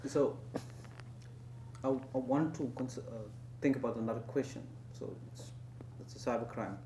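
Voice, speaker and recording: A man's voice: mid-range voice, steady tone, moderate pace, dark tone, a little hiss or hum. Hesitant man, echoey room. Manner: hesitant, restarts and "uh" fillers. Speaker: interview host. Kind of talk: interview questions.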